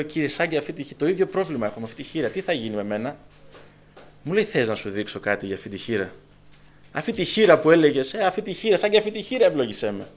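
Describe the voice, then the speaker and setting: A man delivering a sermon with a somewhat high voice. He preaches dramatically, dropping to near-whispers and then rising to loud, emphatic declarations. He acts out the quoted speech in his own voices.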